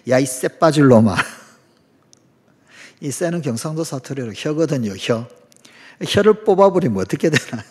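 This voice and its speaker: A man's voice: fairly high pitch, a little mellow, breathy edge. A middle-aged man, preaching a sermon as a pastor, telling stories, acting out quoted lines and asking the congregation questions. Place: church sanctuary. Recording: long church reverb.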